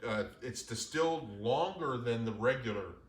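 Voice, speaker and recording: A man's voice: mid-range voice, lively intonation, normal speed, roomy sound. A man hosting a casual bar show, joking and upbeat as he chats with a guest. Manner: jokey, upbeat, loose. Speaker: host. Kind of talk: casual chat.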